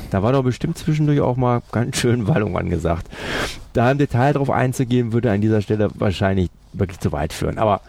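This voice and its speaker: A man's voice: fairly low pitch, vocal fry, dark tone, a little hiss or hum. A man hosting an interview, asking long, wordy questions. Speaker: interview host.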